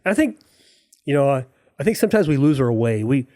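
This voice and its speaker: A man's voice: medium pitch, very animated, quick pace, mellow, no echo, studio quality. A man in his forties hosting a podcast, asking questions in a friendly, affirming way with faith-minded asides. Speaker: podcast host. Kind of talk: casual interview chat.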